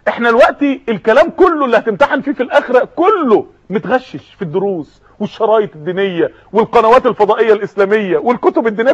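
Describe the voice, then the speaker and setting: A man's voice: very high-pitched, breathy edge. A man preaching a sermon with an Egyptian Arabic accent, impassioned and dramatic, talking straight to his listeners. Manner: impassioned, dramatic, addresses audience directly. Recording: dull lo-fi audio recording.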